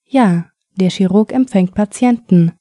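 A woman reading the lines of a polite clinic receptionist in an even voice. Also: mid-range voice, measured pace, no echo, studio quality, natural voice.

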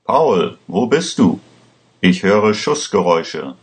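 Ein Mann spricht in einer Hörgeschichte einen besorgten Mann am Telefon, drängend und eindringlich. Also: male voice, on the low side, big pitch swings, takes it slowly. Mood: urgent. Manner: urgent, insistent. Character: worried male official on the phone.

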